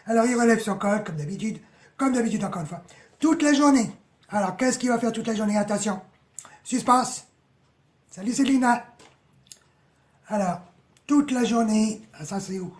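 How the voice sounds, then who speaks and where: A woman with a hoarse voice, mocking and chatty, analysing song lyrics in a casual live stream, full of slang and swearing. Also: medium pitch.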